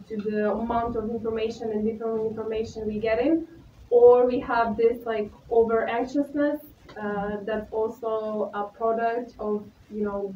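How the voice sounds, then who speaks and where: A woman's voice: fairly high pitch, a little hiss or hum. A young woman from Croatia giving a casual artist talk, hesitant and full of fillers and restarts. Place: dark gallery room with projector. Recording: echoey room, distant and dull.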